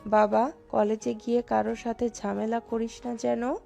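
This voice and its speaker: A strict, scolding mother voiced by a woman in an audio drama. Her gravelly, dark voice stays low and flat in pitch as she bosses her son around. Soft background music plays under her lines. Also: unhurried. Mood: fussing. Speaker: mother of the hero. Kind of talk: Bengali audio love-story drama. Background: faint background music.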